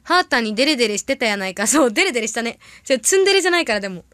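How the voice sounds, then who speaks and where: A young woman chatting casually on a livestream, reading viewer comments aloud and telling rambling stories with quick reactions. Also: fairly high pitch, very animated, fairly bright tone, no echo. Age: young adult. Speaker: idol audition candidate livestreaming.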